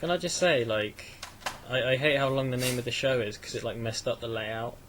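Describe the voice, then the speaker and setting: A man's voice: medium pitch, fairly quick. A man in a casual group chat, teasing and laughing, often tripping over his words. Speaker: guest co-host. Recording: crowd noise behind.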